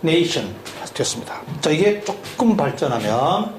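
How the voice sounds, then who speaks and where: A man's voice: a little high, sing-song, moderate pace. A man teaching a lesson, drilling spelling syllable by syllable and asking the listener questions as he goes. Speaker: English teacher. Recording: echoey room with faint hum.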